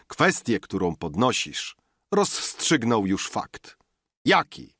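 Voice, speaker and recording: A man's voice: on the low side, very animated, slow, sharp tone, slightly rough, no room sound, studio quality, voice pushed up, exaggerated voice. A man voicing a pompous male scholar who lectures curtly in an audiobook. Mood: lecturing. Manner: curt, lecturing.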